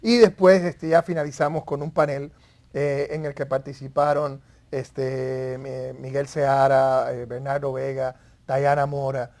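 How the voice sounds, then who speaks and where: A man speaking as an expert guest in an interview, haltingly, repeating words as he searches for phrasing. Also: mid-range voice, flat delivery, a little mellow. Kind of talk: conversational panel recap in an interview.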